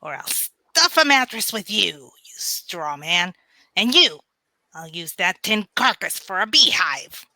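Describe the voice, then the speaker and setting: A menacing wicked witch in a radio play. She gloats and taunts in a sharp, bright, theatrical cackle, stretching words slowly and swinging wildly in pitch, recorded very dry. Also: sing-song, no echo, heavily acted, low-quality recording. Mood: threatening. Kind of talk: parody radio play acting.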